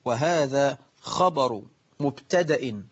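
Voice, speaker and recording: A man with an Egyptian accent giving a lively religious lesson on prayer, imitating worshippers and scolding them, slowing down to recite quotations. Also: medium pitch, husky, highs cut off. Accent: Egyptian Arabic. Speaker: preacher.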